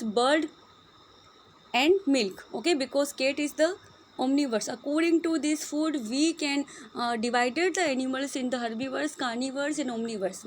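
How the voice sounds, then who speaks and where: An Indian woman teacher walks her students through a lesson, mixing Hindi with English. Her voice sits high and her pace is very slow and careful. A faint background hum runs under the recording. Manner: mixes Hindi and English, addresses students as beta. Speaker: school teacher. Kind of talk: online class lesson.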